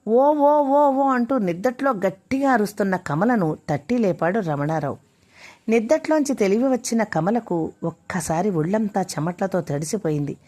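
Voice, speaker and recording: A woman storyteller reading a scripted family drama in a measured, expressive way. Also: medium pitch.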